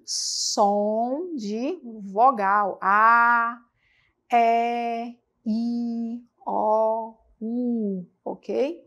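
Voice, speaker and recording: A woman with a Brazilian accent teaching a televised English lesson, patiently repeating words slowly for students. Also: on the high side, darkish tone. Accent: Brazilian Portuguese. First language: Portuguese.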